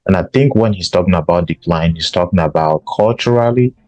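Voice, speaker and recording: A man's voice: sits low, fairly quick, a little mellow, dry recording, low-quality recording. A man from Cameroon, hosting a podcast and giving an emphatic political commentary monologue. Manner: emphatic, repeats himself for stress. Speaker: podcast host.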